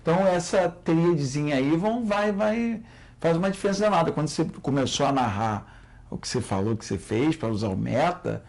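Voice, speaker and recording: A man as a podcast guest in casual chat, relaxed and friendly with slangy asides. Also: a little high, fairly quick, vocal fry.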